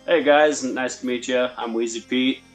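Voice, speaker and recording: A man's voice: mid-range voice, fairly even intonation, normal speed, soft background music, low-quality recording. A man from the United States speaking as an interview guest, giving a casual personal account in a hesitant, polite way.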